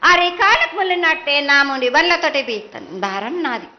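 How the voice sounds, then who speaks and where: A woman's voice: high voice, big pitch swings, a little fast. A woman with a Telangana accent speaking in a prophetic trance as an oracle, imperious like a mother goddess, in short chanted bursts. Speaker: oracle delivering the yearly festival prophecy as the goddess. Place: live temple festival ceremony. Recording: dull, band-limited live event sound.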